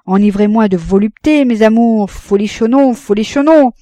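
A woman reading a novel aloud, putting on a hoarse, braying young man who clowns loudly at a party. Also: fairly high pitch, moderate pace, dry recording, pitched above the performer's own voice, lightly acted. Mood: clowning. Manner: loud, clowning.

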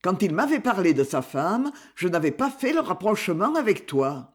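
A man voicing a broken, sick man in his eighties who mutters gruffly. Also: high voice, very animated, normal speed.

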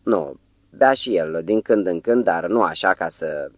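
A man voicing a nervous, flustered poet who talks in an anxious, hushed way, in an audiobook. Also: sits low, no room sound. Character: nervous flustered male poet, middle-aged.

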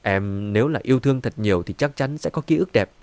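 A man voicing a cunning middle-aged peacemaker who talks soothingly to calm a quarrel, in a dry-sounding audiobook. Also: medium pitch, fast, no echo, natural voice. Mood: placating. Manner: soothing, conciliatory.

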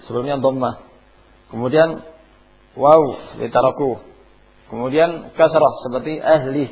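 Gravelly and slightly rough, a mid-range male voice belongs to a tajwid teacher heard on dull, lo-fi classroom tape. He covers Quranic recitation rules by asking the class questions, with chanted examples in between.

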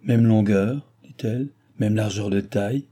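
A man reading aloud who voices an excitable young noblewoman with urgent, shrill exclamations. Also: unhurried. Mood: brisk.

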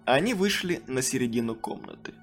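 An audiobook narrator reading a children's horror story and acting out the characters' lines in a raised, excited voice. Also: mid-range voice, brisk, faint music behind.

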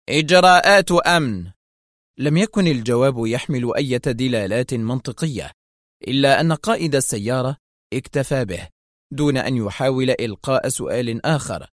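A man narrates a suspense story with dramatic expression. His voice sits at a middle pitch, and the recording is dry and close, with no room echo.

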